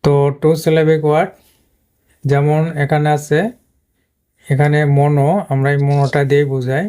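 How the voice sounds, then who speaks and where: A man explains a lesson slowly, stopping often and repeating words as he points things out. His voice is smooth and mellow. His pitch stays flat and even the whole time. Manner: slow, halting, repeats words while pointing at the board. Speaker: English teacher.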